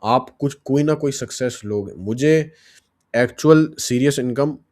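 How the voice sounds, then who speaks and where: A man's voice: mid-range voice, a little slow, a little mellow. A young man from Pakistan, giving casual advice in a blunt manner, swearing and checking in with "right?" tags. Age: young adult. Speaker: vlogger. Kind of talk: casual advice vlog mixing Urdu and English.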